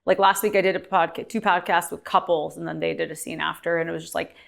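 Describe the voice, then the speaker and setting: A young woman guest in a candid interview, talking openly and thoughtfully about her life. Her voice sits a little low and has a gravelly, fry-touched edge. She leans on casual fillers as she works through her thoughts. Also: fairly even intonation, fast talker. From Glendale, California. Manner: frank, reflective, with frequent "like" fillers. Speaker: guest, adult performer.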